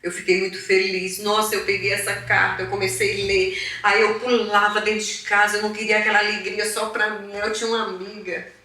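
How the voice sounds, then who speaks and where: A mother from northeastern Brazil, interviewed for a documentary, telling her story in a lively way and acting out past conversations. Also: mid-range voice, a little fast. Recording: echoey room, mic at a distance.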